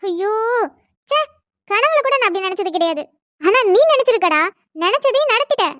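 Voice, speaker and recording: A defiant young bride in a cartoon drama, voiced by a woman. Her voice is very high and her retorts are hot and sarcastic. The sound is dry and close. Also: animated, normal speed, fairly bright tone, no room sound.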